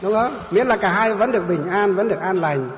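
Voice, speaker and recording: Monk preaching, questions then answers. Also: male voice, high voice, animated, fairly quick, slight background noise. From northern Vietnam. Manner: asks the audience questions and answers them himself. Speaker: Buddhist monk teacher. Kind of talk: dharma talk sermon. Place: temple hall during a retreat. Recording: roomy hall, dull lo-fi sound.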